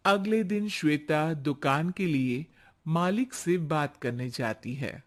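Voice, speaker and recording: A woman narrating a cartoon moral story in a calm, scripted storytelling tone. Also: sits low, slow.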